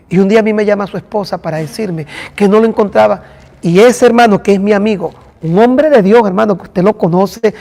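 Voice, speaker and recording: A man's voice: high-pitched, gravelly, darkish tone, long reverb tail. A man, a pastor teaching a church class and talking directly to listeners by name. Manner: addresses listeners by name, conversational.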